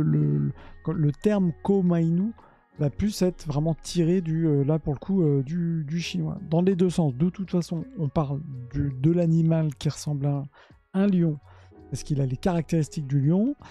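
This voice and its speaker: Man, casual live-stream talk, slightly high voice, hesitant, faint background music. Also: vocal fry, mellow. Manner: chatty, hesitant, many fillers and restarts. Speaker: streamer presenting Japanese art and myths.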